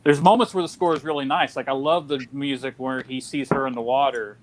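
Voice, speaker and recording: A man's voice: mid-range voice, steady tone, a little fast, slight background noise. A man hosting a casual film discussion, chatty with lots of fillers and restarts. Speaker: podcast host.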